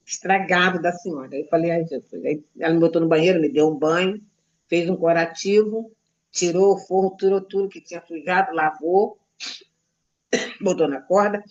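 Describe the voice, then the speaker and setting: A woman's voice: medium pitch, darkish tone, dull audio. A woman from Brazil, a deaconess, telling a personal testimony to a church congregation, retelling conversations in an emotional storytelling way. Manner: emotional storytelling, quotes others' dialogue.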